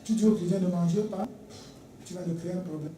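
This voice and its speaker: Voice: mid-range voice, fast, recorded from a distance, noisy background. A preacher delivering a sermon emphatically, repeating key phrases and acting out little dialogues. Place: church sanctuary. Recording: echoey church recorded from afar.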